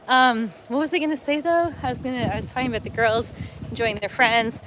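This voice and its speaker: A chatty woman in her middle years, from upstate New York, talks in a slightly high voice as she strolls a lakeside promenade. She reads viewer comments aloud and chats casually. Faint outdoor noise sits under the voice. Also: brisk. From upstate New York, USA. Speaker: travel vlogger hosting a livestream. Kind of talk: casual livestream chat.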